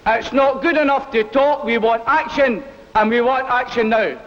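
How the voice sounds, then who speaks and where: A man's voice: very high voice, normal speed, dull audio. A man giving an emphatic rally speech as a union speaker, repeating phrases. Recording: noisy echoey hall with crowd.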